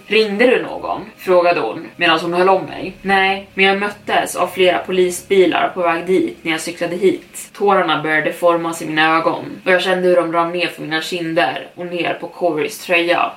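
A woman narrates a scripted horror tale in a calm, even way. Her voice sits on the low side for a woman. She sounds slightly distant from the microphone. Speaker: storyteller.

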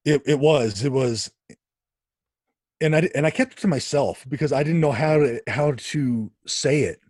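Man, podcast guest, husky dry voice, animated storyteller who restarts his sentences. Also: mid-range voice, normal speed, no room sound. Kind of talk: conversational storytelling.

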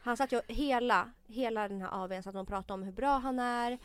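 A woman's voice: on the high side, clean tone, no room sound. A woman co-hosting a casual podcast chat, telling a story with animation, acting out the dialogue and swearing often. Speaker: podcast co-host.

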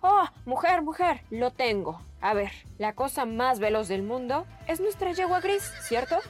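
A woman's voice: high voice, very animated, unhurried, faint music behind, voice pushed up, full character voice. A woman voicing a boastful, grumbling male farmer in a children's storybook. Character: grumbling greedy middle-aged male farmer.

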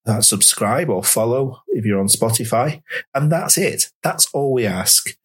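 A man hosts a casual podcast chat. His voice sits a little low and sounds husky, and he talks in a friendly way, often restarting his phrases. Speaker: podcast host. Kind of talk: casual interview.

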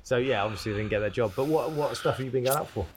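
A man's voice: medium pitch, racing, a little hiss or hum. A man hosting a comedy podcast, chatting casually and telling rambling, self-deprecating stories. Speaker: podcast host. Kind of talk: casual interview chat.

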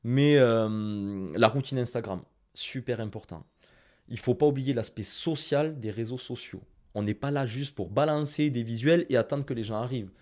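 Southern French man giving brisk advice. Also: medium pitch. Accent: Toulouse (southern French). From Toulouse, France. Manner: direct, lively advice-giving, speaks straight to listeners. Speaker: guest, Instagram marketing expert. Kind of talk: casual podcast interview.

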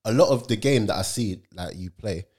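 A man's voice: on the low side, brisk, a little mellow. A man with a London roadman accent interviewing in casual chat, using slang like "fam", "bruv" and "bro". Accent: London roadman, south London street slang.

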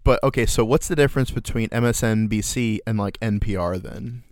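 A man banters as a podcast co-host. His voice is smooth and a little low, recorded dry and close. He rambles through sardonic asides and swears casually. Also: fairly quick, a little mellow, dry recording.

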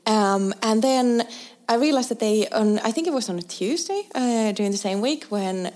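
A woman's voice: on the high side, normal speed, a little mellow. Woman, laughing and hesitant. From Finland. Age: young adult. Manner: laughing, hesitant with many fillers and restarts. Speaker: guest designer. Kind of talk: casual interview storytelling.

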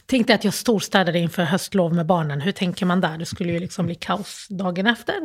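A middle-aged woman from Sweden speaks as an interview guest, telling her story in halting phrases. She fills her speech with fillers and restarts and acts out the old phone calls in her own voice. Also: on the low side, breathy edge. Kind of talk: personal interview, emotional storytelling.

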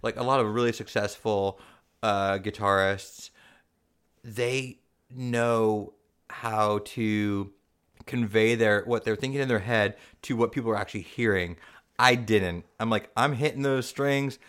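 A man co-hosting a casual podcast, talking in an animated, self-deprecating way with frequent restarts. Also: lowish voice, a little slow, clear, resonant tone. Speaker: podcast co-host. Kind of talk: casual chat.

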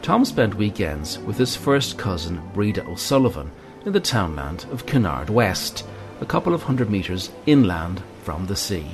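Low-voiced man narrating, music behind. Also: sing-song, normal speed. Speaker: documentary presenter. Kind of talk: scripted radio documentary narration.

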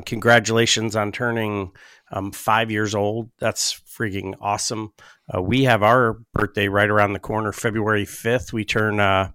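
Low-pitched enthusiastic male podcaster. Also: pushed and bright, clean tone, no room sound, studio quality. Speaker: podcast host. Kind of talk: casual wrestling talk.

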